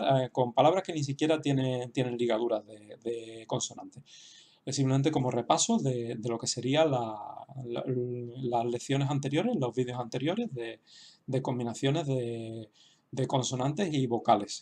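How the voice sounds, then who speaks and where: A man explaining a writing lesson slowly, with frequent fillers and restarts. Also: mid-range voice, a little mellow. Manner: hesitant, many restarts and fillers; slow, explanatory. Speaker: language teacher. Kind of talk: online lesson.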